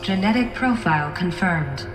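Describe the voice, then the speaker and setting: Broken facility AI: glitching robot voice, clipped, lowish, echoey with loud music underneath. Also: female voice, normal speed. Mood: malfunctioning. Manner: flat, clipped system announcements. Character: malfunctioning female facility computer voice.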